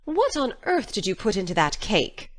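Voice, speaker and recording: A woman playing a stern, practical older guardian with a brisk, dry manner in an audiobook dramatization. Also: mid-range voice, very animated. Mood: exasperated.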